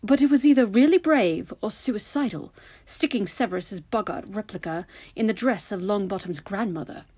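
A woman voicing an amused, motherly senior witch professor in a storybook, witty and soothing, with a slightly husky voice. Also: mid-range voice, normal speed, hardly any pauses, warm tone, dry recording, natural voice.

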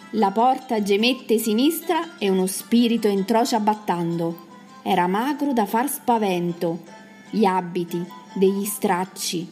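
A woman reading a children's story aloud with expressive, dramatic narration. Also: medium pitch.

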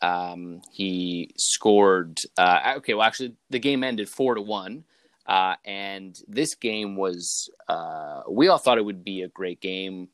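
A young man from Canada hosting a laid-back podcast, his voice pitched low and deep. He talks loosely and rambles, filling pauses with ums and uhs. The recording sounds dry and close. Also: dry recording. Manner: relaxed, rambling with many fillers. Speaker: podcast host. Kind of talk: casual chat.

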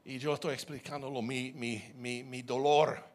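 A man preaching, telling his own testimony as a story, animated and repeating words as he goes. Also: medium pitch, normal speed.

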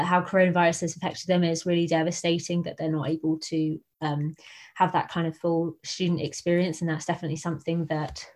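Earnest woman speaker, low and even. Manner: hesitant, many ums, earnest. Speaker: guest speaker, researcher. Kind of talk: answering questions in a webinar.

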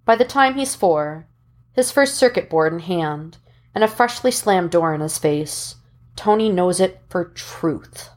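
A woman reads fan fiction aloud like an audiobook narrator, her voice fairly low and animated. She shapes measured, deliberate phrases and leaves dramatic pauses.

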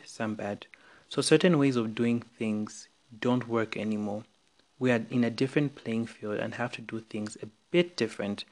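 A young man from Zambia with a Zambian English accent, hosting an opinion podcast in an earnest, frank, scripted monologue. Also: fairly low pitch. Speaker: podcast host.

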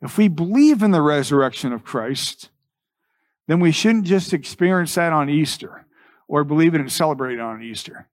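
A man preaching a church sermon as a pastor, earnestly exhorting with repeated phrases and deliberate, emphatic pauses. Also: on the high side, expressive.

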